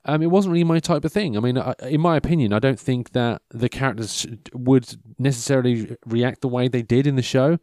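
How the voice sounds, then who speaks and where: Here a mid-thirties man chats in a meandering way, breaking off his own sentences and forgetting where he was going, with a dry, self-mocking humour. His mid-range, slightly mellow voice moves a little fast with few pauses, and there's no room sound.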